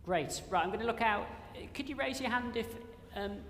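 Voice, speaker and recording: A man with a slightly nasal, fairly high voice chairs a panel, moving things along briskly with a self-deprecating touch. His voice rings with the long reverb of a conference hall. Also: a bit bright, slight background noise. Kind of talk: moderating a panel discussion. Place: conference venue with live audience.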